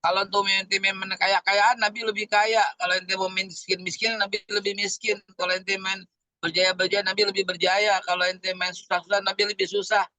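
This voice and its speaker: Guy preaching, high bright voice, dry close sound, lots of rhetorical questions. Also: normal speed, no echo. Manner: animated, slangy Jakarta-style preaching with rhetorical questions. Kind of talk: sermon.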